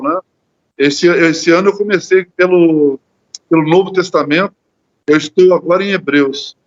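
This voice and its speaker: A Brazilian lay preacher with a Brazilian Portuguese accent leads a church Bible study in a fairly high voice. Earnest, he stumbles and repeats words while searching, often adding "né?", and the dull lo-fi audio resembles a church livestream.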